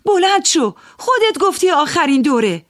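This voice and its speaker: A man's voice: very high voice, big pitch swings, fairly bright tone, dry recording, studio quality, voice pushed up, exaggerated voice. A man voicing a pious, proud married woman who scolds indignantly in an audiobook. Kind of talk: audiobook character voice.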